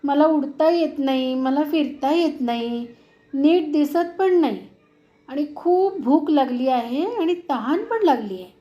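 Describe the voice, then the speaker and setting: A tearful little sparrow from a storybook, hurt and pleading, as a woman puts her on. The voice sits high and mellow, and the plaintive lines come slowly. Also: animated. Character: poor injured little female sparrow, tearful.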